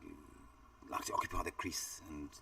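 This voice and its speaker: A man's voice: moderate pace, pushed and bright, distant mic, a little hiss or hum. A middle-aged South African man giving live cricket commentary in a chatty, rambling way, with many fillers.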